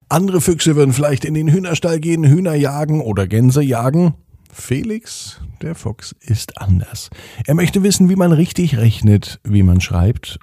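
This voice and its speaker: A man reading a children's story aloud with gentle, expressive storytelling. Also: slightly rough, dry recording, studio quality. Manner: gentle, expressive storytelling with playful pitch swings.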